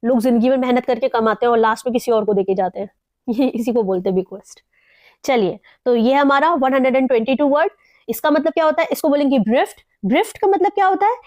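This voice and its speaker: A woman with an Indian English accent, teaching English vocabulary in a mix of Hindi and English and slowly repeating each word. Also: sits high, a little mellow, no room sound, studio quality. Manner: explains slowly, repeats words and spells out pronunciation.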